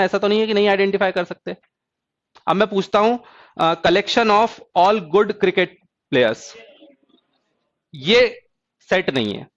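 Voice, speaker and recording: A man teaching an exam-prep math lecture who keeps asking students if the point is clear and drawls key terms slowly. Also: sits high, a bit bright, lo-fi sound. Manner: asks students check questions.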